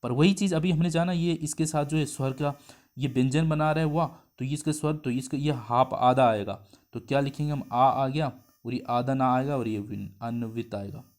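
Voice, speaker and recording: Guy teaching hindi grammar, middle pitch, keeps asking if u got it, sounds out syllables slow and repeats em. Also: a little mellow. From India. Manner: explains step by step, asks the class questions. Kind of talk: exam-prep lesson.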